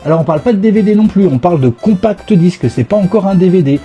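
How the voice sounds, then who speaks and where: A man's voice: high voice, animated, fast, breathy edge, highs cut off, faint music behind. A middle-aged man with a stuffy cold hosting a casual live gaming stream, chatty, playful and nostalgic. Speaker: host.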